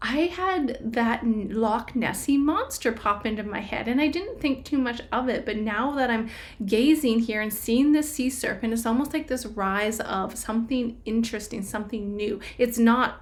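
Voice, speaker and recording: Brief Woman reader doing a chatty prediction session, thinks aloud, restarts often, mid-range voice. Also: mid-range voice. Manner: rambling, self-correcting, intuitive musing. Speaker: tarot reader. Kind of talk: casual spiritual prediction reading.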